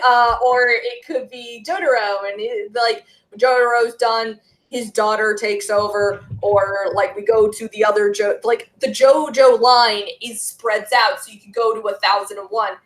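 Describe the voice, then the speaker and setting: A woman's voice: fairly high pitch, fairly even intonation, unhurried. A woman who is a guest on a podcast, chatting casually and ranting at length. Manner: ranting, talkative. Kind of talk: casual chat. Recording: roomy echo.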